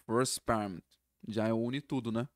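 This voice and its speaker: A man teaching English pronunciation, explaining each sound step by step and repeating words slowly. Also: mid-range voice, steady tone, noisy background. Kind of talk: pronunciation lesson.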